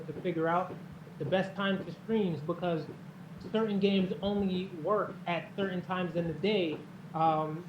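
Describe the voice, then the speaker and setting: High-pitched man chatting casually, muffled roomy sound. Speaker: co-host, game streamer. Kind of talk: casual conversational chat. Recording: muffled, roomy, faint background noise.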